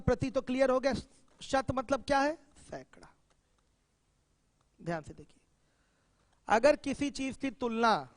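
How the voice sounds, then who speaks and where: A man's voice: very high voice, no room sound, long reverb tail. A man teaching a maths class, quizzing students with questions as he explains. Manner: addresses students directly with questions, emphatic. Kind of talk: classroom lecture.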